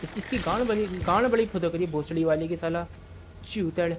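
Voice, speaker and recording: A young man giving live gameplay commentary for his gaming channel. He jokes and swears constantly and yells in panic during fights. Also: sits high, brisk, background noise. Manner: excitable, swears constantly, jokey banter.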